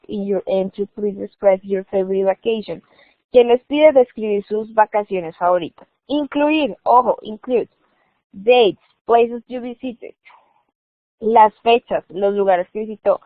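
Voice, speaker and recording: A woman's voice: mid-range voice, no room sound. Woman teacher on a video call, explains step by step, keeps checking "ready?", tinny dry sound. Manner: instructive, checks in with "¿listo?". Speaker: English teacher. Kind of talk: online class screen walkthrough. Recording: dry, phone-like narrow sound.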